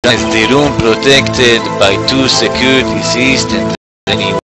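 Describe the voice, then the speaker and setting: A man voicing a lazy middle-aged cowboy detective in a slow folksy drawl, over game music. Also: medium pitch, lightly acted, poor audio. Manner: slow folksy drawl, laid-back and dramatic.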